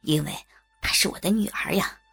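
A woman voicing a scheming middle-aged father in a lowered, murmuring, coaxing voice. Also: a little fast, vocal fry, fairly bright tone, breathy edge, heavily acted. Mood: whispered urging. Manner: low coaxing murmur, inner thoughts whispered.

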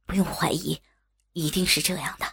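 A woman voicing a scheming middle-aged father in a lowered, murmuring, coaxing voice. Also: fairly even intonation, moderate pace, gravelly, fairly bright tone, breathy edge, full character voice. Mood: whispered urging. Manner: low coaxing murmur, inner thoughts whispered.

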